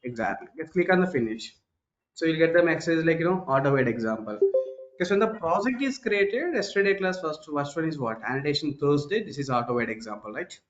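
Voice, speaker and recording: A male programming teacher with an Indian English accent, his voice sitting a little high for a man. He drills the class by repeating key terms and tossing back "what?" questions. The call audio is dull and echoey, like a recorded online class. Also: expressive, brisk. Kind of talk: live online class lecture.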